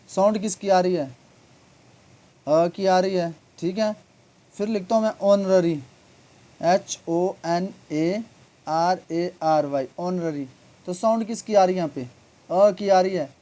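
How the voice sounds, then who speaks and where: A man's voice: high-pitched, slow pace, pauses often, dark tone. A man teaching an English grammar lesson, explaining patiently and often checking in with his students. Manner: patient, repetitive, keeps asking "okay?".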